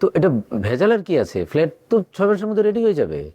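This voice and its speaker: A man's voice: high-pitched, huge pitch swings, racing, warm tone, dry recording. An actor playing a brusque property company boss giving orders to his assistant. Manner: brusque, commanding. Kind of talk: TV drama acting.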